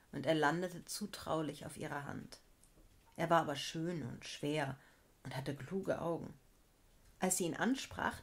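A woman storyteller calmly narrating a fairy tale for children and adults. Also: on the low side. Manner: calm, measured telling.

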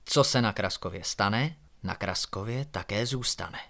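A man calmly reading a novel aloud as a night-time storytelling session. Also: fairly low pitch. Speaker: reader. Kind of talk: bedtime book reading.

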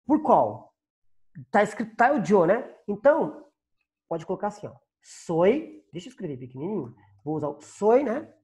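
Man, Brazilian Portuguese accent, online teacher, patient, repeats phrases, lively pitch. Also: normal speed. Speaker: Spanish teacher. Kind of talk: online class explanation.

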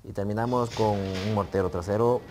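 A man with a Spain Spanish accent giving excitable live commentary on a game he is playing. He swears casually and talks straight to the game. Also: lowish voice, a little fast, soft background music. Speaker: gaming YouTuber.

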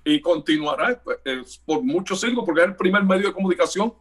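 Middle-aged radio guy from puerto rico, a bit high-pitched, tells stories and acts them out. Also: fast talker, slightly rough. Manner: animated storyteller, acts out dialogue in anecdotes. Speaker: radio announcer guest. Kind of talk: casual conversational interview.

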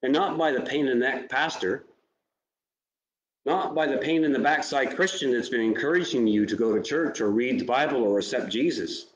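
A man's voice: medium pitch, moderate pace, reverberant, a little hiss or hum, rough recording. A man preaching a sermon as pastor, speaking earnestly and directly to his listeners. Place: church sanctuary.

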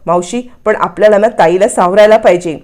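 A woman's voice: mid-range voice, fairly quick, darkish tone, natural voice. A woman voicing an earnest young woman explaining herself to her aunt.

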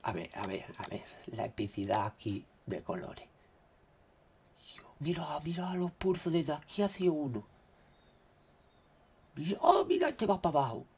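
Brief: excitable Spanish vlogger, gravelly and dark-toned, throat dry from a cold. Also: male voice, fairly high pitch, a little slow, pauses often, slight background noise. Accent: Spain Spanish. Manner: excitable, exclaiming, keeps saying "look". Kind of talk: casual commentary on screen recording.

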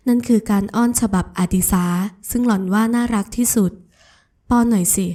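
A woman narrating an audio novel in an even, smooth storytelling manner. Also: on the high side, brisk. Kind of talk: scripted narration.

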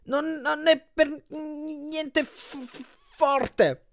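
Grover, a man doing a shrill stammering young satyr. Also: fairly even intonation, very slow, a bit bright, full character voice. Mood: panicked. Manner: stammering, squealing.

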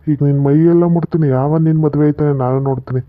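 An actor with a North Karnataka Kannada accent playing a pushy, lecherous middle-aged village moneylender with a coaxing drawl. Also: male voice, a little high, fairly even intonation, racing, lightly acted. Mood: angry. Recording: tinny phone-like audio.

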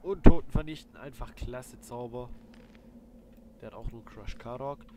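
A man hosts a let's play with casual commentary. His mid-range voice is colloquial as he thinks aloud. Loud video game noise sits behind him. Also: mid-range voice, steady tone, a little slow. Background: video game sounds.

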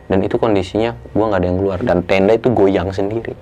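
A young man telling a story casually, in coarse slang, jumping to a loud raised voice when he acts out what was said. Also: on the low side, fairly even intonation, fast, dull audio, a little hiss or hum. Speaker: storyteller guest.

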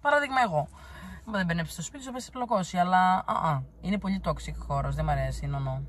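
A woman's voice: lowish voice, slight background noise. A woman from Crete, answering viewer comments in a blunt, teasing, chatty way. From Crete, Greece. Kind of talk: casual chat.

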